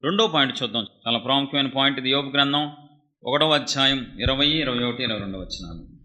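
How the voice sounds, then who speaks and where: A middle-aged male pastor preaching with passion, firing rhetorical questions and swinging from loud to hushed. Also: mid-range voice, fast talker, poor audio. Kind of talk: Telugu sermon.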